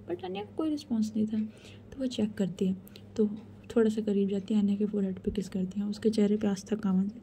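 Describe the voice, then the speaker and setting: Woman storyteller, intimate whisper, very dark mellow voice, faint hiss behind. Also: mid-range voice. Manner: soft, intimate, conversational.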